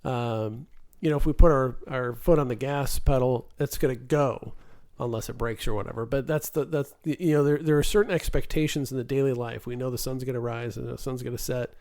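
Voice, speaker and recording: A man's voice: medium pitch, fairly even intonation, a little fast, few pauses, a little mellow. A man co-hosting a podcast in casual chat, joking and talking through his ideas with many restarts. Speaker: podcast co-host. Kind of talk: casual philosophy discussion.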